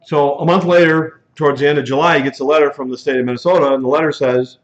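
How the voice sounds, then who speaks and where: A man's voice: fairly high pitch, fairly even intonation, quick pace. A man teaching a truck driving class in a conversational lecture style, telling cautionary stories and acting out the dialogue in them. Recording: dull lo-fi classroom recording.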